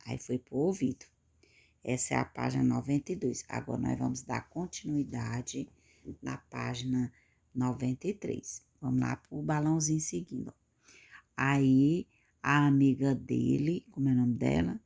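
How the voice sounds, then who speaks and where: A woman with a Brazilian Portuguese accent, teaching a remote class to young pupils, explaining slowly and patiently. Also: very deep voice, creaky, a little mellow, slightly rough. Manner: slow, patient explaining, pointing at the book with "ó". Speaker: schoolteacher.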